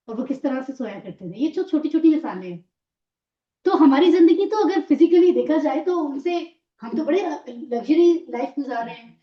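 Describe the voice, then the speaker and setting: A woman teaching a religious class, explaining patiently and mixing English words into her talk. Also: sits high. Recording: echoey, distant, dull classroom sound.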